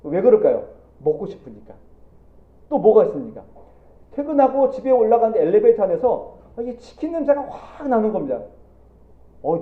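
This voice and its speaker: A man preaching a Sunday sermon as a pastor, lively and animated, voicing the Bible characters he quotes. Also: sits high. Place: church sanctuary. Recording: echoey church, phone-like audio.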